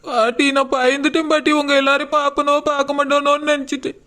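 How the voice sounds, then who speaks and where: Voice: high-pitched, level tone, quick pace, bright, forceful tone. Someone voicing a tearful young woman. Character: frightened pregnant young woman.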